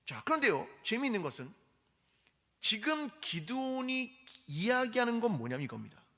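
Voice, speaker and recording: A man's voice: very high voice, big pitch swings, moderate pace, bright, forceful tone. A man preaching a sermon as pastor, firing rhetorical questions and leading the congregation in reading scripture aloud. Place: church hall. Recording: long hall reverb.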